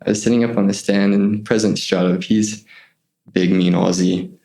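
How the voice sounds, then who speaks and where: Young man, gravelly, low voice, earnest storytelling, podcast guest. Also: normal speed. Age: young adult. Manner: earnest, animated retelling with quoted voices. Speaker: guest, returned missionary. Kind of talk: conversational interview storytelling.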